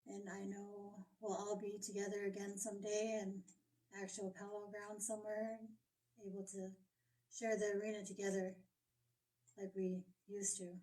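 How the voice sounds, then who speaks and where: A woman's voice: mid-range voice, monotone, normal speed, warm tone. A woman from South Dakota giving a video address as a powwow head judge. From South Dakota, USA. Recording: distant microphone.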